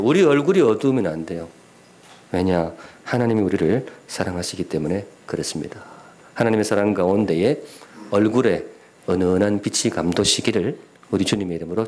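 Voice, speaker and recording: A lively middle-aged pastor from Gyeongsan, North Gyeongsang, Korea, delivers a sermon in a church sanctuary. His voice is fairly low, and he engages the congregation with questions and humor.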